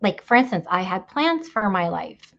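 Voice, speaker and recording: A woman's voice: medium pitch, very animated, moderate pace, creaky, a bit bright, muffled recording. A woman guest telling her faith story in a candid, rambling way, with many fillers and laughs. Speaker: podcast guest. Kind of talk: faith testimony conversation.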